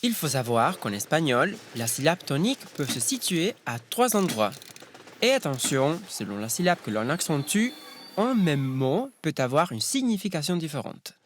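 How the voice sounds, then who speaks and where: A man's voice: a little high, sing-song, normal speed, slight background noise. A man from Spain whose first language is Spanish, giving a wry, teasing scripted narration.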